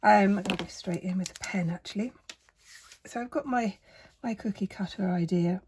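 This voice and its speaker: A woman in her fifties with a croaky voice, tired and under the weather, giving a casual doodle tutorial in a gentle, rambling, hesitant manner. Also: mid-range voice, normal speed, a little hiss or hum. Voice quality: croaky, husky voice. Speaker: artist and art teacher giving a tutorial.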